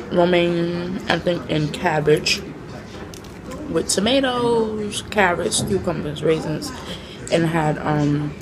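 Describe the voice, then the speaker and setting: A young woman talking casually to her vlog viewers from a friend's house in a relaxed, unhurried way. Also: on the low side. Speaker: vlogger. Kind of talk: casual chat.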